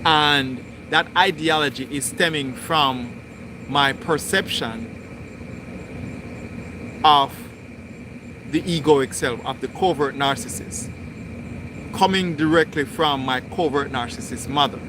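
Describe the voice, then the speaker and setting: A man with a bright, slightly raised voice speaks very slowly and deliberately, circling back over his phrases as he reflects aloud on a livestream. A faint hiss of noise sits underneath. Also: fairly high pitch. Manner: slow, deliberate, repetitive phrasing. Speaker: spiritual livestream host. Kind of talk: reflective spoken monologue.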